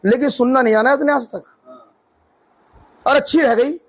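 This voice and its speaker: Very high-voiced man preaching a sermon. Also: normal speed, husky. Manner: preaching with rising emphatic questions. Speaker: pastor.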